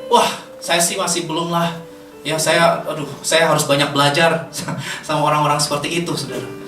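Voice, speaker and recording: A woman's voice: deep voice, steady tone, moderate pace, a bit bright. A woman preacher from Indonesia with a Jakarta accent, giving a chatty sermon and laughing often. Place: church hall. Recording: echoey hall, far from mic, faint music.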